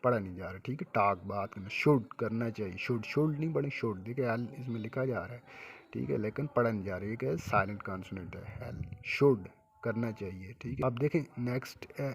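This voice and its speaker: A man's voice: mid-range voice, fairly quick, vocal fry. A man giving a classroom-style English lesson, repeating each word and asking questions that he answers himself. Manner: repeats words and asks questions then answers them himself; ends phrases with a checking "okay". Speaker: English teacher.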